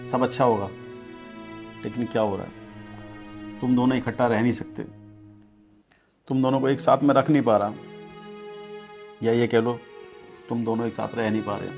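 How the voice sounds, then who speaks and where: Actor for a subdued, dejected husband with a gravelly voice over clear music. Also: male voice, mid-range voice, close to an everyday voice. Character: weary young husband torn between wife and family.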